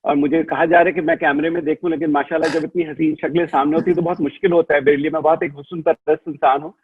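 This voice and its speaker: Joking man, tinny husky voice. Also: fairly high pitch, flat delivery, very fast. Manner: playful and self-mocking, with bits of English. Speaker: guest director. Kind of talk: joking talk show banter.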